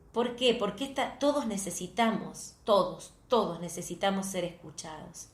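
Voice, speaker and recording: Argentine woman, therapist guest, expressive talker on a video call, roomy echo. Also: mid-range voice. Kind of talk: conversational interview over video call.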